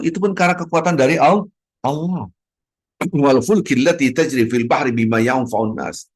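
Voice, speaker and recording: A middle-aged man from Indonesia preaching a dawn sermon in a mosque. His voice is mid-pitched and he tells his stories with a lot of drama, acting out short exchanges between people. He keeps switching between loud exclamations and soft, low asides. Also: breathy edge. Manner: acts out little dialogues in sermon.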